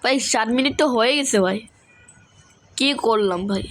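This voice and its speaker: A woman's voice: a little high, moderate pace, a bit bright, a little hiss or hum. A young woman chatting casually over a game, quizzing her viewers and calling them brother. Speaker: gaming video creator. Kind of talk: casual gameplay commentary.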